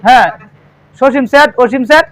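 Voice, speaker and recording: A man's voice: very high voice, normal speed, crowd noise. A male math teacher with a Bangladeshi Bengali accent, giving a classroom lesson and quizzing his pupils, repeating their answers back.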